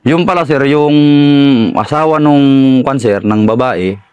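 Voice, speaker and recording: A middle-aged Filipino soldier from the Philippines, telling a war story in an interview, deferential and halting with many fillers. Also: male voice, medium pitch, clean tone, dry recording. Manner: deferential, says "sir" constantly, halting with fillers. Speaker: soldier recounting combat.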